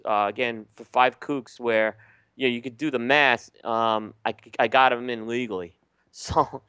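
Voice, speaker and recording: This cigar-review podcast features a male co-host with a medium-pitched voice and no echo. He chats in a relaxed, easygoing way, frequently restarting and saying um.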